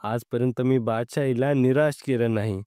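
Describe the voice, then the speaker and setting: Male narrator voicing a commanding general, arrogant, scornful, smooth voice, dry sound. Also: mid-range voice, steady tone, normal speed, warm tone, no room sound, natural voice.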